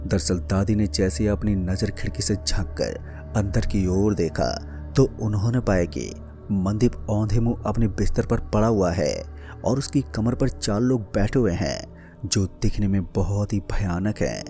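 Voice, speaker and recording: Mellow low-voiced male horror narrator. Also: faint music behind. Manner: steady, measured storytelling. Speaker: storyteller. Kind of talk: scripted horror story narration.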